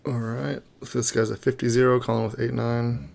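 A man's voice: medium pitch, flat delivery, moderate pace, vocal fry, darkish tone. A man streaming online poker, talking through his hands in a casual, profane mutter. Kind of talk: live poker commentary.

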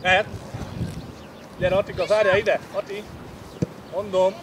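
A man shouting encouragement and instructions to young football players at an outdoor match. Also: high-pitched, little pitch movement, a loud crowd. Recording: noisy outdoor match recording.

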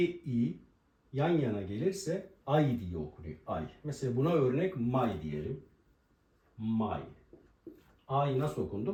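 A man teaching a language lesson at a board, explaining pronunciation and slowly repeating each example word. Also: mid-range voice, warm tone. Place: room with a writing board. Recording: roomy echo, voice from a distance.

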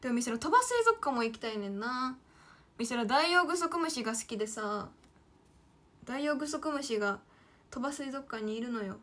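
A late-teen idol streamer from Kyoto, Japan, draws while chatting to her viewers and herself in Kyoto Kansai dialect, using her own name as she talks. Her voice is fairly high, a little fast, pushed and bright, with lively intonation.

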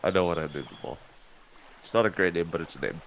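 A man's voice: low voice, fast talker, vocal fry, poor audio. A man streaming a game and chatting casually with his audience and fellow players. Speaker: gaming streamer. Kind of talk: casual gameplay chat.

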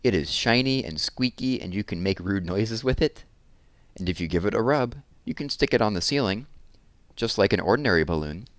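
This man in his thirties reads children's picture books aloud expressively, tossing in casual asides, on a headset mic in a small room at home. His animated, low-leaning voice moves fairly quickly in a dry recording.

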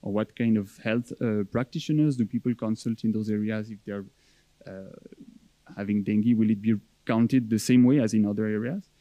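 A young man giving a conference presentation as an academic researcher, explaining in a measured, hesitant way. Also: lowish voice, steady tone, mellow, no room sound, rough recording.

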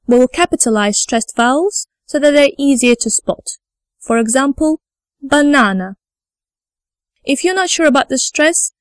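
A woman who teaches Russian as her first language, explaining reading rules patiently and pronouncing each sound clearly for learners to repeat. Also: fairly high pitch, no room sound, studio quality. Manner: patient, enunciates carefully, models sounds for repetition. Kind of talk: slow, clear teaching narration.

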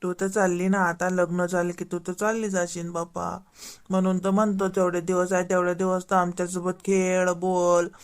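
A woman's voice: on the low side, little pitch movement, moderate pace, lightly acted. A woman voicing a whiny young village boy, a little brother pleading with his sister, with a Varhadi Marathi accent. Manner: whining, pleading.

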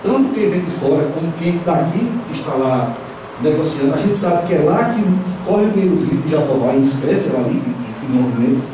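A man's voice: fairly high pitch, lively intonation, a little fast. A young man addressing a city council chamber on a handheld mic, hesitant and repeating words, often checking "right?" with the room. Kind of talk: council floor speech. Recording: echoey chamber from a far camera, noisy.

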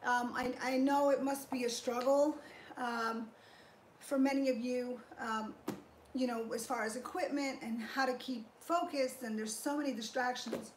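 Speaking a little slowly in a steady voice on the high side, a middle-aged woman livestreams a workout from her home gym in the garage. She's upbeat, thanking viewers and explaining her training in steps. A fixed camera a few feet away picks up the echoey room and a little hiss or hum.

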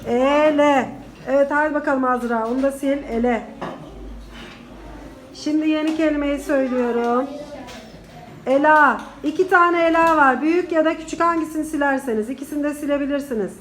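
During a dictation drill in an indoor classroom, a primary teacher's high-pitched, brisk female voice calls out words and short phrases for young children, repeating them with instructions and encouragement. A little hiss or hum is audible.

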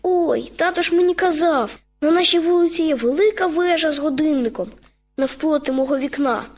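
A small, timid boy bunny from a children's radio story, as a woman reads him. He talks slowly and earnestly, in a high, lifted voice full of wide-eyed wonder.

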